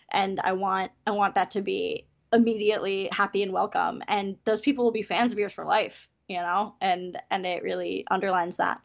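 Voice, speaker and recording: Gravelly-voiced upbeat woman performer. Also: mid-range voice. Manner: chatty, upbeat, quick asides. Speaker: festival variety performer. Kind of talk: casual interview chat. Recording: dull lo-fi sound.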